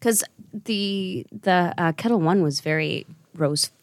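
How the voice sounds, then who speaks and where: A woman's voice: fairly low pitch, takes it slowly, dry recording. Woman, giggly, tipsy, chatty, dry close sound. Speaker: host. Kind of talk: casual tasting chat.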